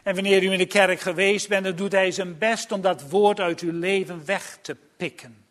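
A man's voice: sits high, steady tone, moderate pace, a bit bright. A male preacher giving a sermon in an earnest, emphatic and warning manner.

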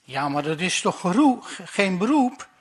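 A man's voice: high voice, sing-song, normal speed, husky, full character voice. A man doing a brusque, blustering officer.

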